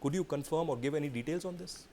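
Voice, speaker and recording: A man's voice: fairly high pitch, fast, mellow, a little hiss or hum. A man hosting a formal news interview, putting long, pointed questions with an emphatic build-up. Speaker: news interviewer, show host.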